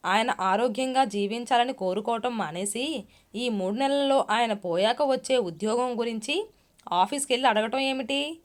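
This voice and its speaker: A woman's voice: on the high side, moderate pace, natural voice. Storybook role: caring grown daughter, earnest and pleading, read by a woman narrator. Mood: upset.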